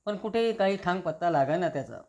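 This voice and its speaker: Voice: mid-range voice, expressive, fast talker, darkish tone, dull audio, lightly acted. The narrator reading as a distressed pleading mother. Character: distressed mother of a missing son.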